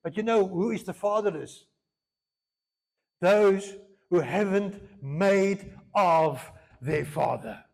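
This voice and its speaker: Bilingual pastor preaching. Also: male voice, sits high, takes it slowly, gravelly, long pauses, a little mellow. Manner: switches between Afrikaans and English mid-sentence, earnest, repeats phrases. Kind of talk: sermon.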